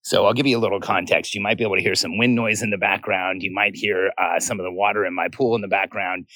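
A man in his forties talks casually from his backyard as a podcast host. His voice is fairly low and the sound is dry, with little echo. He is earnest and often repeats a phrase to drive it home. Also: steady tone, quick pace, pushed and bright. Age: 40s. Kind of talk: informal solo podcast monologue. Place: outdoors in a backyard by a pool.

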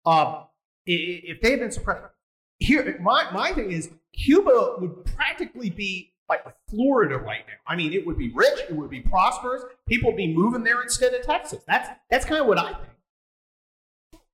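Man, podcast host, bright forceful voice, slightly high, blunt and rambling. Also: big pitch swings, normal speed, rough recording. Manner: blunt, provocative, rambling with restarts. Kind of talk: casual interview chat.

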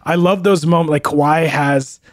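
A man's voice: on the high side, steady tone, normal speed, a little hiss or hum. A man co-hosting a sports podcast in casual chat, rambling with lots of restarts. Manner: rambling, full of likes and restarts. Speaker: podcast co-host.

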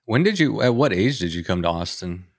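A man hosting a podcast in a relaxed, chatty manner, interviewing his guest. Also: on the low side, brisk, no room sound, studio quality. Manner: friendly, chatty, laughs often. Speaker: podcast host.

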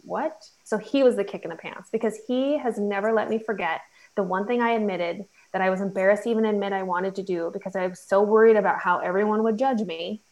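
A woman's voice: mid-range voice, fast, a little mellow, low-quality recording. Chatty woman in her forties. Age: 40s. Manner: chatty and self-deprecating. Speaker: guest, fashion entrepreneur. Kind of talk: candid interview conversation.

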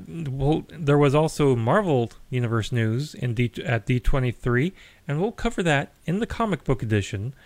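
A man's voice: mid-range voice, no room sound. A man hosting a geeky news podcast, chatty, with wry asides and frequent fillers. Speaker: podcast host.

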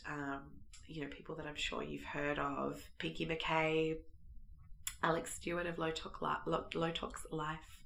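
A woman in her thirties with an Australian accent talks informally, as if thinking aloud on her own podcast. Her voice is low for a woman and croaky from a cold, with a froggy, gravelly fry running through it. The delivery is chatty and unscripted. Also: a bit bright. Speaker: podcast host. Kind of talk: casual solo podcast life update.

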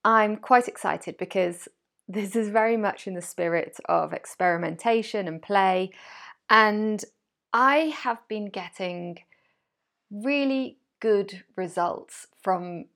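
Woman, 30s, podcast host, rambling casual chat, gravelly fry. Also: medium pitch, takes it slowly, a bit bright. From Wales. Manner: chatty and rambling, laughs often, self-deprecating. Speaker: podcast host, life coach. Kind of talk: casual solo podcast talk.

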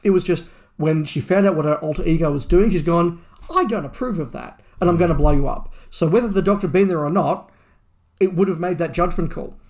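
Fairly quick and a little high and mellow, a man's voice carries a casual podcast discussion of a book. As co-host he is analytical and opinionated, hammering points home through repetition.

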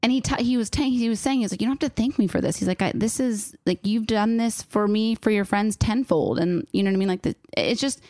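A woman's voice: medium pitch, quick pace, few pauses, darkish tone, no room sound, studio quality. A woman in her thirties chatting casually, rambling and emotional, with "like" in every sentence. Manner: rambling, says "like" constantly, emotional. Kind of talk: casual chat.

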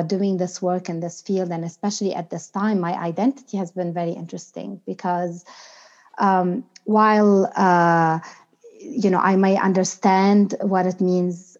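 A woman with a somewhat low voice talks reflectively in an interview. Her phrasing is earnest and emphatic, chosen with care. The recording is slightly dull and lo-fi. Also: darkish tone. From outside the United States. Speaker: podcast guest, inclusion and diversity consultant.

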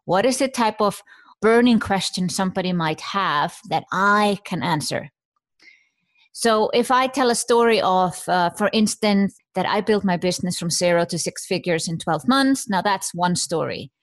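A woman from Iceland hosting a podcast, coaching her guest with lively questions and examples. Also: mid-range voice, moderate pace. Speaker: podcast host and business coach.

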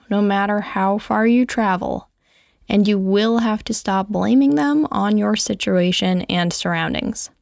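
A woman reading a first-person memoir aloud in a calm, measured storytelling voice. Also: medium pitch, vocal fry, no room sound, studio quality. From United States. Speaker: narrator.

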